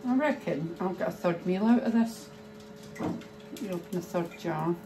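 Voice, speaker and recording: A middle-aged woman, chatting slowly and thinking aloud as she preps food in her home kitchen. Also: fairly low pitch, mellow. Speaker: cooking vlogger. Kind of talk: casual cooking chat. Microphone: phone camera held nearby. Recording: noisy home kitchen ambience.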